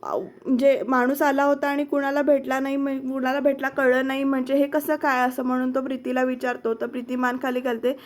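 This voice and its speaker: High-voiced woman recapping a serial. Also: flat delivery, brisk, few pauses. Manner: addresses viewers directly, quotes characters' lines in narration. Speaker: serial review host. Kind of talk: retelling a TV serial episode.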